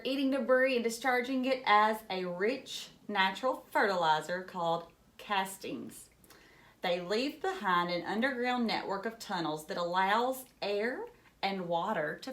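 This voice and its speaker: Reading a children's book aloud, a female teacher with a medium-pitched, slightly bright voice adds brief, encouraging explanations and poses questions to the young children listening.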